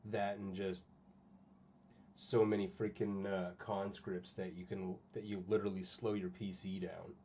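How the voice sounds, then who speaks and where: A man's voice: low-pitched, flat delivery, unhurried, warm tone, dull audio, slight background noise. A man with the hiccups, rambling casually to his chat while painting miniatures. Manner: rambling, distracted, talking to stream chat. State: has the hiccups. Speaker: channel host.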